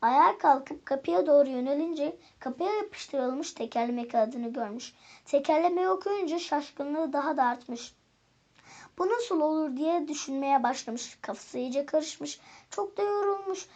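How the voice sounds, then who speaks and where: Teacher lady reading a kids story, high voice, calm and expressive. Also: measured pace, highs cut off. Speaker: teacher reading a fairy tale. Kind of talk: storybook narration.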